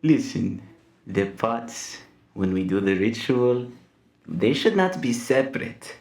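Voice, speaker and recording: A man's voice: medium pitch, expressive, slow pace, darkish tone, distant mic, voice pushed up. A man voicing a scheming cult villain in a tabletop game, gloating and toying with his listeners in a theatrical monologue. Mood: fervent, scheming. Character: scheming male cult villain, gloating, smugly playful, unhinged. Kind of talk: improvised tabletop role-play. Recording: roomy, echoing sound.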